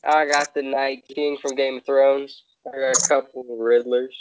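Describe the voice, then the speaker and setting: A man's voice: medium pitch, flat delivery, normal speed. A man co-hosting a podcast in casual, conversational talk. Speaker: podcast co-host. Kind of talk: casual chat. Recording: dry, slightly muffled mic.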